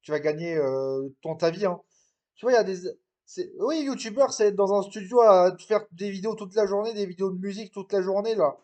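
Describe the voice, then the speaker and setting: Man, high voice, amateur improvised role-play, halting, repeats words, exasperated scolding. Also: darkish tone. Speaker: hobby drama performer.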